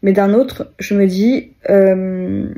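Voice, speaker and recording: A woman's voice: medium pitch, fairly even intonation, takes it slowly, dark tone. A young woman, chatting casually to viewers in a rambling vlog, with many fillers and restarts. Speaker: vlogger.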